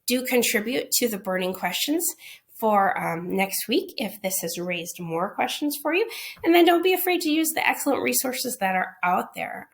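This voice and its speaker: A woman's voice: mid-range voice, creaky, a bit bright. Woman, phonics teacher, recorded online lesson, patient explanations, frequent check-ins. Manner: explains patiently, often checking with "okay?" and "right?". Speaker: literacy teacher answering questions.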